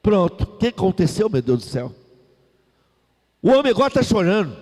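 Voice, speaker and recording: Brazilian guy preaching a sermon, high-pitched, keeps calling for the crowd to repeat, long echo like a big hall. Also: sing-song, brisk, darkish tone. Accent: Brazilian Portuguese. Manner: emphatic, repetitive call-and-response preaching.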